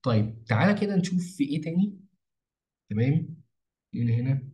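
A man's voice: medium pitch, animated, darkish tone. A young man with an Egyptian Arabic accent, talking a viewer through a daily planning routine as a marketing mentor, often repeating himself and restarting words. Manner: rapid, repetitive, with many false starts and stretched fillers. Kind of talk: casual screen-share tutorial.

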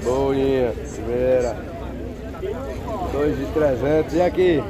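Taking it slowly in a mid-range voice, this vlogger from Brazil's Northeast offers casual running commentary while touring an outdoor cattle fair and asking sellers what they charge. The crowded pens are noisy with people chatting and animals.

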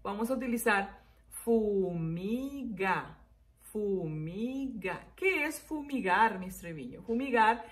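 A woman's voice: a little high, animated, normal speed, fairly bright tone. A woman teacher giving a children's spelling lesson. She repeats each word and its syllables and keeps checking in with "ok?".

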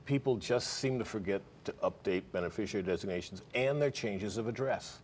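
A man's voice: fairly low pitch, a little fast, darkish tone, a little hiss or hum. A middle-aged man, a financial planner, explaining things steadily as a guest on a morning news show in a TV studio.

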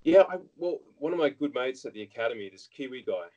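A man's voice: mid-range voice, animated, fast talker, a little mellow, muffled recording. An Australian man in his thirties, a guest politician chatting frankly in an interview, telling anecdotes with many restarts. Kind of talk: casual interview chat.

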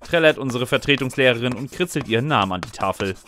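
He talks fast and expressively, at a medium pitch with a fairly bright tone close to an everyday voice, over a slight hiss or hum. The man is playing a wry, sarcastic student who serves as narrator and lead character, telling his chaotic life story in scripted comic first person.

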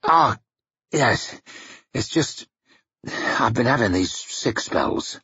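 Brief: tired, ailing man with wry understatement, read by a male narrator; husky and low-fi. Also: sing-song, drawn-out words, sharp tone, no room sound, dull audio, heavily acted. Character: weary sick middle-aged man, wry.

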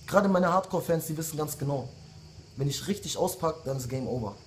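This late-20s male rapper talks fast in a fairly high, animated voice as he aims a heated, insulting diss message directly at his rivals. The angry video rant keeps landing repeated jabs, and there's a little background noise.

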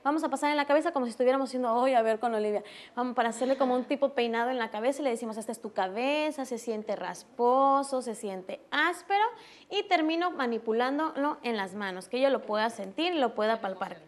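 A woman with a Mexican accent, an early stimulation instructor demonstrating textures on a morning TV show, explaining slowly and gently. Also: a little high. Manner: explains slowly, softens words for babies.

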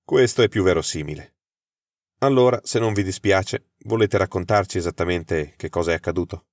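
A man voicing a sharp, self-assured consulting detective who makes crisp, incisive deductions. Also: deep voice, moderate pace, no echo, studio quality.

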